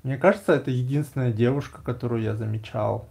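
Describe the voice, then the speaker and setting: A man's voice: medium pitch, quick pace, gravelly, mellow, breathy edge. A man in his thirties chatting casually as a vlog host, in an informal, slangy, joking way. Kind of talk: casual chat. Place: small indoor room packed with gear.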